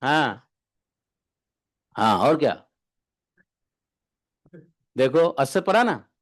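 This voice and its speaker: A man's voice: mid-range voice, big pitch swings, drawn-out words. A man giving a devotional discourse as a spiritual teacher, bantering and often asking his listeners rhetorical questions.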